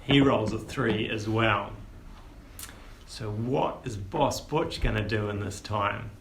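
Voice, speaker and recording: A man narrating as game master of a tabletop game, relaxed and rambling with many fillers. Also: fairly low pitch, takes it slowly. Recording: echoey room with faint hiss.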